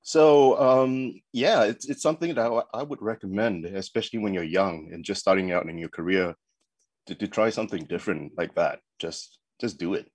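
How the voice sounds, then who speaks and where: A man's voice: on the low side, moderate pace, no room sound, studio quality. A man in his forties from Singapore, a guest chatting casually about his career in a remote interview, rambling with many fillers and restarts. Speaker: guest, advertising creative.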